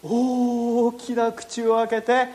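A woman telling a Bible-lesson story to children, lively and full of sound effects, speaking to her listeners. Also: fairly high pitch, drawn-out words.

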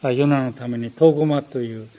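An older man preaching a sermon, animated, with frequent fillers and self-corrections. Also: mid-range voice, a little fast.

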